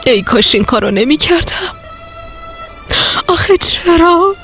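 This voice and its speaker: A guilt-stricken mother in a dubbed television drama, her voice pitched high and tearful with confession. Soft music runs faintly under her lines. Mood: grieving. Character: remorseful mother confronting her neglected son.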